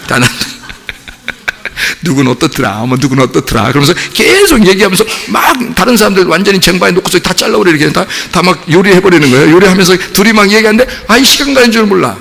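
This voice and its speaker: A male pastor preaching a sermon, lively and talkative, acting out little everyday scenes as he goes. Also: sits high, quick pace, vocal fry, in a large hall. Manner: animated, acts out little scenes and voices. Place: church sanctuary.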